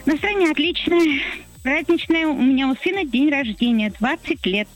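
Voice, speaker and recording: High-voiced middle-aged woman caller. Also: moderate pace, faint music behind, low-quality recording. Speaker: radio show caller, soldier's mother. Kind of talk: simple conversational phone-in talk and greetings.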